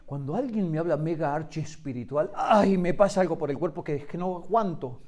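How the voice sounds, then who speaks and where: High-voiced passionate preacher man. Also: expressive, fairly quick. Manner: passionate, swinging between loud emphasis and soft low asides. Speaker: pastor. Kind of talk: sermon.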